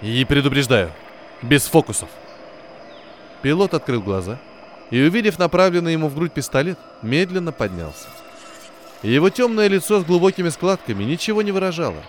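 A man narrating an adventure novel with expressive, varied intonation. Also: on the high side, a little fast, slight background noise. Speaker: audiobook narrator. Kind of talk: scripted narration. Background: soft music.

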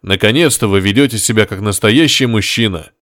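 A man voicing a resolute male crew officer who speaks firmly, slowly and deliberately. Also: fairly low pitch, fairly bright tone, dry recording, clean studio sound, natural voice. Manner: firm, slow and deliberate.

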